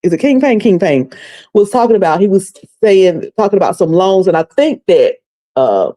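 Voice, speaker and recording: A woman from North Carolina with a Southern accent hosts a casual commentary recap livestream, speaking at a moderate pace in a warm, very animated, medium-pitched voice. She's chatty and folksy, calling her viewers "y'all" and "sugar."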